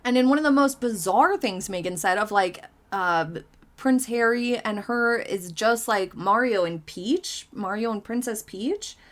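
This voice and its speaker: With a voice on the high side and a slightly slow pace, this commentary channel host chats casually through her vlog. She reads viewer comments aloud and offers her views, often hedging and using fillers.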